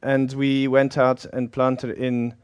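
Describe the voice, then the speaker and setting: Born in Poland, this middle-aged South African pastor with a South African accent preaches casually, chatting, poking fun at himself and laughing frequently. His mid-range, darkish, smooth voice is completely flat and slow, with no room sound.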